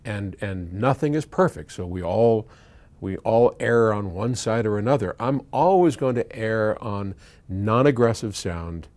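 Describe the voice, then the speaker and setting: In an electronics workshop, an American audio company founder in his sixties answers listener questions informally to camera. His low, slightly mellow voice is expressive and a little slow, and he speaks in opinionated, stop-and-start phrases.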